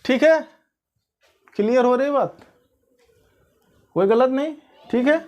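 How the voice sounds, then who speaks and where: Woman maths teacher, slightly high voice, keeps checking the class follows. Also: takes it slowly, a little mellow. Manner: questioning, checks understanding often. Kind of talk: classroom-style maths lesson.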